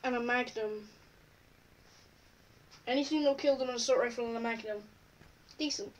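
A woman with a high voice chats casually through an online quiz, reading each question aloud and answering offhand. She sits a little back from the microphone, so her voice carries some distance. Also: moderate pace, highs cut off. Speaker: vlogger. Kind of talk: casual chat while taking an online quiz.

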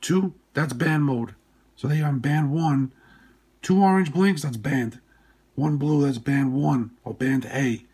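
Husky, congested man giving instructions. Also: mid-range voice, measured pace, a little mellow. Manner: plain, short clipped instructional phrases. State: hoarse, congested voice after recent surgery. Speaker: tutorial presenter. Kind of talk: informal step-by-step hands-on instruction. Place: indoors at a workbench.

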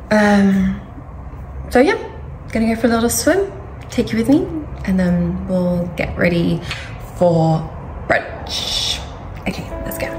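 A woman's voice: fairly high pitch, background noise. A young woman in her twenties chatting upbeat to her phone camera, with lots of fillers. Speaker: vlogger. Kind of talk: casual vlog to camera. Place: outdoors on a rooftop and streets, then inside a cafe. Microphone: phone camera at arm's length.

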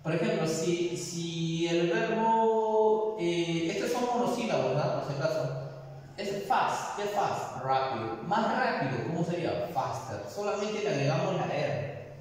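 A man's voice: a little high, animated, measured pace, darkish tone. A man teaching English in a classroom, patiently explaining and checking understanding with frequent tag questions. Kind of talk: classroom lesson. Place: echoey classroom. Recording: very echoey hall, voice from far off.

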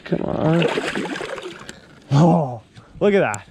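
A young man filming himself fishing on a river shore, chatting excitedly on an action camera with lots of fillers and restarts. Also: fairly high pitch, very slow, slightly rough. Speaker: fishing vlogger. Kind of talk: casual on-the-spot fishing commentary. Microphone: action camera on body.

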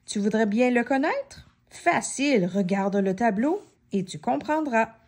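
A woman reading a children's story aloud, slowly and expressively, giving each character a voice. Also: fairly high pitch. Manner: expressive, slow and clear, voicing many characters.

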